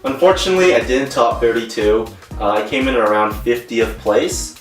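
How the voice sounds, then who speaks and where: A Canadian man, a co-host and guest player, answers interview questions plainly and earnestly, with some fillers. His medium-pitched voice is expressive and moderately paced, recorded from far off in an echoey room with soft music behind.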